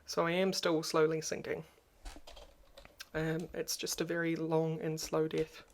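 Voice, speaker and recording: Here a YouTuber addresses the camera in a personal vlog, their voice noticeably crackly. They speak flatly with little variation, sounding low-key, subdued and unsure, and often pause on ums.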